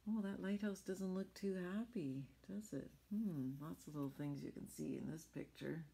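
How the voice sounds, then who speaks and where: Reading a picture book aloud to children, a middle-aged woman speaks at a moderate pace in a fairly low, gravelly, mellow voice with a breathy edge. She sprinkles in chatty explanations and little questions, and the setting is a small furnished room at home.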